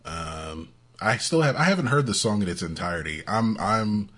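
A man's voice: lowish voice, lively intonation, moderate pace, fairly bright tone. A man co-hosting a casual music podcast, chatty and laughing often between points. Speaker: podcast co-host.

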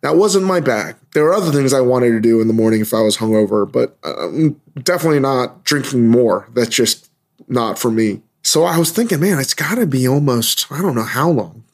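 Male podcast host, hungover, gravelly fry in a mid-pitched voice, rambling casually and musing as he goes. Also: expressive, moderate pace.

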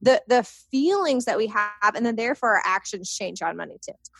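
A young woman in casual conversation, upbeat and animated, talking with lots of fillers. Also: mid-range voice, brisk, creaky, no echo. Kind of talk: casual chat.

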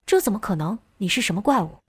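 A woman's voice: mid-range voice, lively intonation, quick pace, husky, no echo, clean studio sound. A woman doing a sneering cruel male villain. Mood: shocked. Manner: sneering and boastful, later begging. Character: arrogant cruel male villain with mechanical arms.

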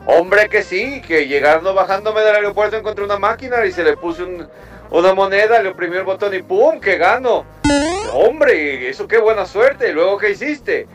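A man's voice: high-pitched, animated, moderate pace, lo-fi sound, music in the background. A man telling a joke and putting on a mock Spanish accent for the characters.

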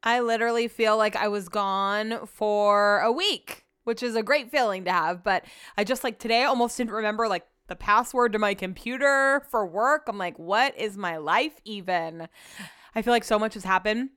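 A young American woman hosts her own podcast, recounting stories in a chatty, slangy way and animatedly quoting herself and others. Her voice is fairly high, a bit bright and clean at a moderate pace, with a slight slushy lisp on s sounds, recorded in a clean studio with no room sound.

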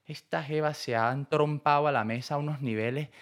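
Young man, podcast co-host, rapid-fire storytelling, slangy and repetitive. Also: on the high side, fairly even intonation. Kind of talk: casual storytelling chat.

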